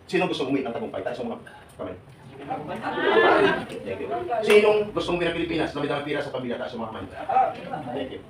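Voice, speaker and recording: Fast-talking older man in a hall. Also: mid-range voice, crowd noise. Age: 70s. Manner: animated, joking, questioning the audience. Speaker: OFW advocate speaking to workers. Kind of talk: live seminar talk to a crowd. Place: large hall with an audience. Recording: echoey hall, voice from far off.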